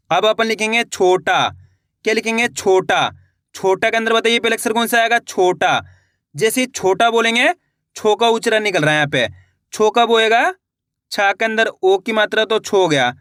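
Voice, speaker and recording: A young man teaching children to read Hindi, slowly spelling out each syllable, repeating words and asking questions patiently. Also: sits high, a bit bright, no room sound, clean studio sound.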